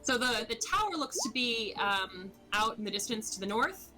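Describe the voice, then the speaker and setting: A woman's voice: fairly high pitch, sing-song, moderate pace, music in the background, low-quality recording. A woman narrating as game master of a tabletop game, rambling and hesitant, with many fillers.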